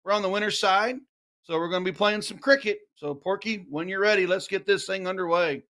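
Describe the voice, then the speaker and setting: A man with a distinctly high voice and an Ozark accent. He works as a play-by-play host for darts, calling the match live and chatting casually with his co-commentator. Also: fairly quick, a bit bright.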